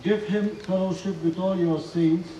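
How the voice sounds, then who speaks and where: A man's voice: high-pitched, steady tone, moderate pace. A man reading solemn funeral intercessions as a minister. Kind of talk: solemn funeral prayer, read liturgy. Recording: roomy distant pickup, clear background noise.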